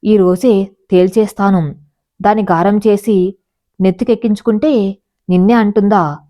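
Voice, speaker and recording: A woman voicing a stern middle-aged father who speaks gravely and directly, in a storybook reading. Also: medium pitch, fairly even intonation, a little slow, mellow, natural voice. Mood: angry.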